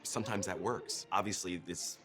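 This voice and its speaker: A man with a very low voice hosts a film program. He asks his guest prompting questions at a measured pace and introduces each movie. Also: fairly bright tone, faint music behind. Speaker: host.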